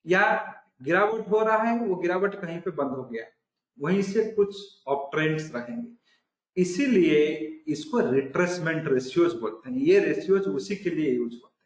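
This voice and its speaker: A man's voice: fairly high pitch, expressive, moderate pace, roomy sound, poor audio. A man giving a recorded online trading lesson, explaining step by step and often restating his points. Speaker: trading instructor.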